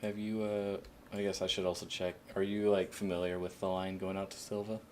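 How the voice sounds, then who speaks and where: Deep flat-voiced male streamer. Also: fairly quick, a little hiss or hum. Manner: relaxed, hesitant, many fillers. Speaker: game streamer. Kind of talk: casual voice chat while playing.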